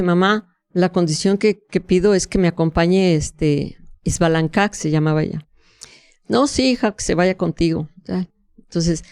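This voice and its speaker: A woman tells an emotional story in a low, smooth voice. She is animated and restarts often. The sound is dry and close. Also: dry recording. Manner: vivid, animated, with frequent restarts and fillers. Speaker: interview guest. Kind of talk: emotional first-person storytelling.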